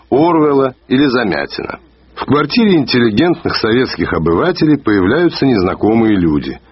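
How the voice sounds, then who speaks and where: A husky-voiced man reads a literary review with a lively, rising-and-falling delivery. He takes his time and slows right down on the words that matter. The sound is dull and lo-fi, like an old radio archive, with a dry close mic. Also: mid-range voice, no echo. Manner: measured, slows to stress key words. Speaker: writer reading a literary review. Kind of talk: read literary commentary.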